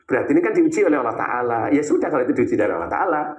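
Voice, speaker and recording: Animated male preacher, echoey room. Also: medium pitch, racing. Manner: animated, teasing, rhetorical questions. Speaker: Islamic preacher. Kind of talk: religious talk with questions.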